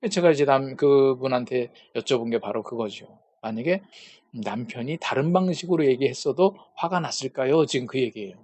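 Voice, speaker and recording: A man's voice: medium pitch, normal speed, a little mellow. A man giving a lecture at a peacemaking school, posing rhetorical questions and retelling conversations as little dialogues. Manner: poses rhetorical questions to the audience. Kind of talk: church-based lecture on conflict.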